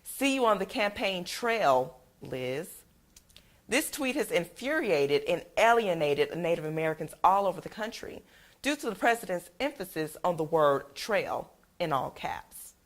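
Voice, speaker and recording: Low-voiced woman reading the news. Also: big pitch swings, measured pace. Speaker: news anchor. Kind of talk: read news report.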